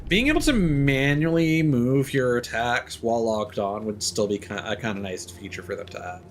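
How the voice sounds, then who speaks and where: A young adult man streams a video game and thinks aloud in casual commentary packed with fillers and restarts, breaking into sudden excited exclamations. His voice is mid-range at a moderate pace, over a noisy background.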